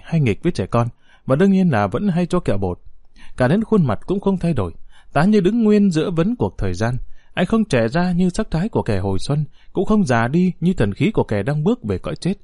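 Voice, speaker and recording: A man's voice: on the high side, dark tone, no echo, clean studio sound. A man narrating a story as an audiobook, expressively voicing the characters.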